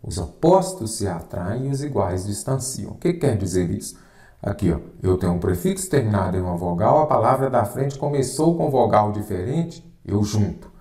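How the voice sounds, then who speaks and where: A man's voice: on the low side, expressive, normal speed, dark tone. Emphatic male teacher, echoey room. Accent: Brazilian Portuguese. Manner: emphatic, repeats "correto?" and "anote aí". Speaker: Portuguese teacher. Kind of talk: exam-prep lesson.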